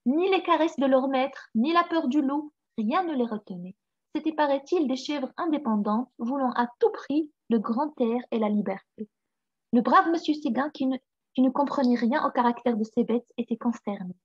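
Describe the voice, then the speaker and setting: A woman narrating a classic storybook tale in an expressive, lively reading. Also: sits high, normal speed, breathy edge, no room sound. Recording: slightly dull, dry recording.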